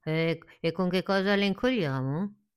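A woman voicing a calm, soft male caterpillar who talks in a slow, drowsy, hesitant way. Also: fairly low pitch, clear, resonant tone, pitched above the performer's own voice, lightly acted. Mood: sleepy.

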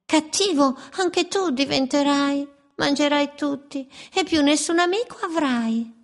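A woman's voice: high voice, unhurried, voice pushed up. A woman voicing a pair of scruffy, teasing birds who speak in a rhyming, sing-song lilt in a storybook.

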